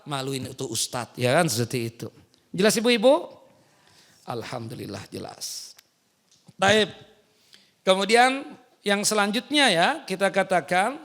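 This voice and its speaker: A middle-aged male preacher teaching women in a mosque. His voice sits fairly high. He is playful and keeps throwing rhetorical questions at his audience. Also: fairly bright tone. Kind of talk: religious study lecture.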